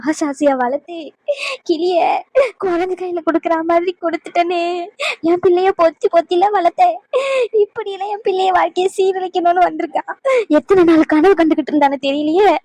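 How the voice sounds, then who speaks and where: A bitter mother-in-law wails and curses through tears, her voice very high and thin, as a woman acts her out. She laments in a rising sing-song, and the sound is dry and close. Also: steady tone, brisk, warm tone, no echo. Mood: scornful. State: crying. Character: wailing grieving mother-in-law, bitter and cursing.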